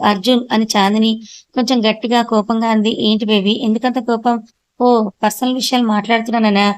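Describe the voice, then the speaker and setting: A woman reading a serialized story aloud as narrator, voicing every character in her own steady manner. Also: a little high, clear, resonant tone, dry recording. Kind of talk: scripted audiobook narration.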